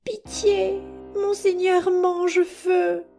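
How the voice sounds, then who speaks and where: A woman voicing a young wooden puppet boy in an audiobook, high and pleading. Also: level tone, very slow, creaky, mellow, faint music behind, exaggerated voice. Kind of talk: audiobook character reading.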